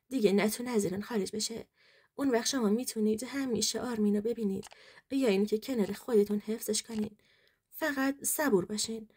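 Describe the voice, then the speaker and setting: A woman reading a male lawyer in a story, giving measured, reassuring advice in her own mellow voice. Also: a little high, slightly rough. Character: male lawyer, calm, scheming, persuasive.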